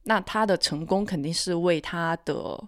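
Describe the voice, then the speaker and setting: A woman with a slightly low, steady-sounding voice talks as a podcast co-host. She comes across as composed, cool and rational while chatting reflectively. The sound is dry, with little room on it. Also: moderate pace, no echo. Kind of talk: casual reflective chat.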